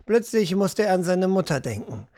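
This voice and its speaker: A man narrating a fantasy audiobook in an even, storytelling manner. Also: sits high, moderate pace.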